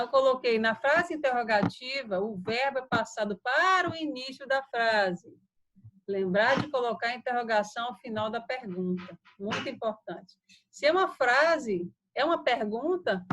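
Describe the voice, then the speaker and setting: A woman's voice: a little high, a bit bright, poor audio. A woman whose first language is Portuguese, teaching an online English grammar lesson in a patient, explanatory way, often checking in with her students.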